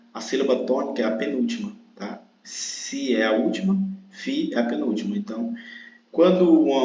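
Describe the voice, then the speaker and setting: A man's voice: medium pitch, darkish tone. A man with a Brazilian Portuguese accent, a teacher patiently explaining a grammar exercise and drawing out words syllable by syllable. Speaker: online exam-prep teacher. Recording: roomy, dull lo-fi sound.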